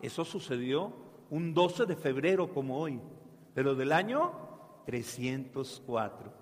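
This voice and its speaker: A priest telling a saint's story to children in a church, asking them questions and having them answer back. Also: male voice, mid-range voice, unhurried. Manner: animated, asks children questions, call and response. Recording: echoey church hall.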